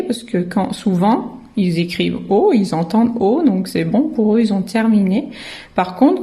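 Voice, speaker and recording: With a mellow, mid-range voice, a French kindergarten teacher patiently lays out how children learn to spell words, sounding out syllables and then letters one by one. It's a slow, methodical teaching explanation.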